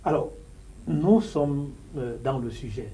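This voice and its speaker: A man's voice: mid-range voice, lively intonation, takes it slowly, dark tone, slight background noise, poor audio. A man hosting a studio interview, prompting his guest with hesitant questions. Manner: prompting with short acknowledgements, hesitant. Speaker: host. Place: small studio set with sofas. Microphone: lapel.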